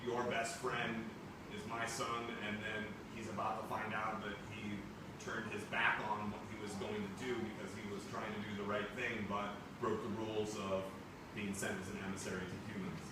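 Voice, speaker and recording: A man's voice: on the low side, flat delivery, moderate pace. Man teaching in an echoey classroom. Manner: conversational, checks in with "right?". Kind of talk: classroom book discussion. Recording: echoey classroom, far from mic, room noise.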